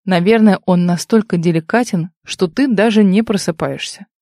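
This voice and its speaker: A woman's voice: mid-range voice, moderate pace, mellow, dry recording, studio quality, lightly acted. A woman voicing a smug young man who talks down to others with sneering condescension in an audiobook. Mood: mocking. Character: smug mocking young man, old rival.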